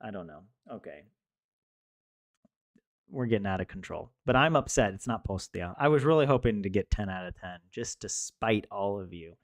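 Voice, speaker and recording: A young man learning a language streams to his viewers, chatting casually while he studies, joking, laughing and rambling through lots of restarts. His voice is lowish and animated at a moderate pace. The sound is clean studio quality with no room sound.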